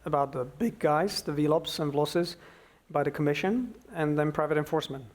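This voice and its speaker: A man giving an explanatory expert talk, with halting phrasing and emphatic bursts. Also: on the high side. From Slovakia. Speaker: expert speaker.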